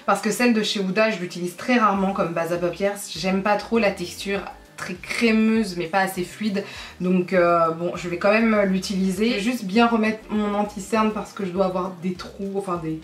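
A woman's voice: mid-range voice, steady tone, normal speed. Chatty woman vlogger in an echoey room. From France. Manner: chatty, explains as she works, frequent fillers. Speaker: beauty vlogger. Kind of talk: casual makeup tutorial chat.

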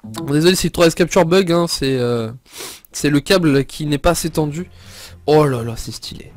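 An excitable man chatting casually through his gameplay, joking and laughing as he goes. His voice sits a bit high, and faint game music plays underneath. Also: normal speed. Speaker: let's play gamer.

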